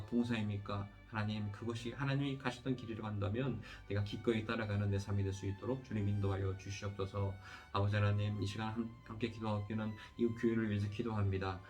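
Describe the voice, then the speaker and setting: Low-voiced man leading earnest prayer. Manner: earnest, pleading prayer cadence with repeated address to God. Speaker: missionary preacher. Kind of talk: sermon and led congregational prayer. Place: church sanctuary.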